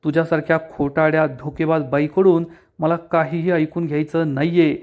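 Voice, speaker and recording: A man's voice: on the high side, flat delivery, moderate pace, darkish tone, close to an everyday voice. A man reading the lines of a furious young man in a serial recap, harsh and accusing.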